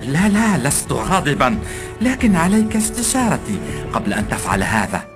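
A man's voice: fairly high pitch, sing-song, normal speed, voice pushed up. A man voicing an exasperated middle-aged merchant who keeps insisting he is not angry while fuming. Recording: background music.

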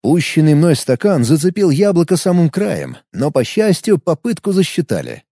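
Animated male audiobook narrator. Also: on the high side, normal speed, no room sound, studio quality. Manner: animated storytelling.

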